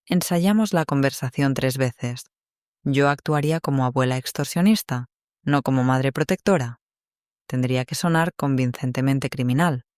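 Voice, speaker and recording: A man reading a first-person story as scripted narration, steady and measured. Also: mid-range voice, clean tone, dry recording, clean studio sound.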